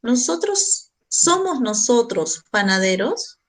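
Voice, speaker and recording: A woman teaching an English grammar lesson, laying out each step with great care. Her voice sits a little high, and she speaks at a very slow, measured pace. She explains patiently, like a teacher leading a class through a worksheet. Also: sing-song, poor audio.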